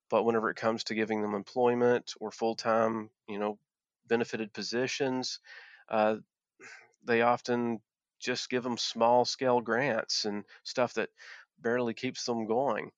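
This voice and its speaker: An ex-coal miner from southwest Virginia, Appalachia, speaks with earnest conviction as an interview guest, his voice mid-range. He keeps restarting sentences and repeating himself. There's no room sound, and the audio is dull, dry and lo-fi.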